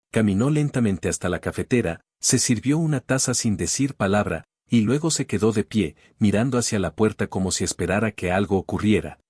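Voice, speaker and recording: A man narrating a dramatic story in a slow, measured, reflective way. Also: on the low side, darkish tone, slightly rough, dry recording, studio quality.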